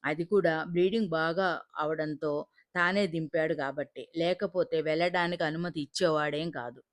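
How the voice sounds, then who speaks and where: A woman's voice: fairly low pitch, no room sound, studio quality. A woman narrating an emotional family audio story in the first person, with a dramatic delivery.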